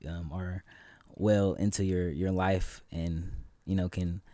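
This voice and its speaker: A guest musician from the San Francisco Bay Area, California, chats in a relaxed, casual conversation, his speech full of ums and restarts. His voice is low, he speaks slowly, and the recording has no echo.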